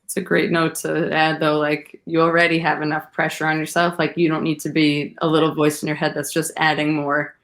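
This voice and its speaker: A woman's voice: low voice, flat delivery, a little fast, hardly any pauses, a bit bright. A young woman hosting an interview, asking long rambling questions in a chatty, encouraging way. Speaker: podcast host. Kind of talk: casual interview chat.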